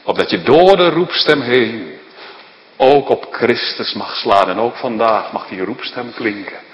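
A pastor preaching a sermon with passion, rising to loud declarations and dropping to hushed questions. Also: male voice, mid-range voice, animated, measured pace, dull audio. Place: church hall. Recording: echoey church hall, long reverb.

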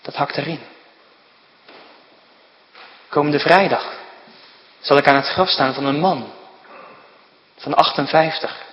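A man's voice: a little high, takes it slowly, long pauses, lo-fi sound. Earnest male preacher in a reverberant church. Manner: earnest, urging, with repeated calls to the congregation. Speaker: pastor. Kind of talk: sermon.

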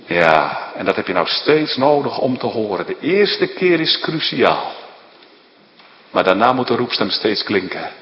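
A male pastor delivers an impassioned sermon at an unhurried, deliberate pace. His pitch sits a little high and swings widely, climbing for loud declarations and sinking for quiet questions. The voice rings through a reverberant church hall with a long tail. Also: very animated, muffled recording, a little hiss or hum. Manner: impassioned preaching, swinging between loud rising declarations and low hushed questions.

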